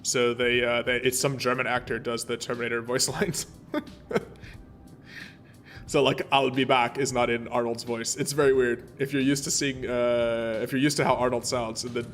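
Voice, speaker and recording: A man's voice: mid-range voice, steady tone, moderate pace, a bit bright, soft background music. Chatty male game streamer, rambling. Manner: rambling, chatty, many fillers and restarts. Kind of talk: casual gameplay commentary.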